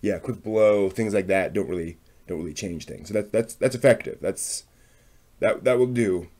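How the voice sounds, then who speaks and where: A craft vlog host talks casually as he demonstrates a hands-on project, muttering tentatively to himself while working. His voice is fairly low and a little mellow, at a moderate pace. The recording is clear, with background noise and clicking.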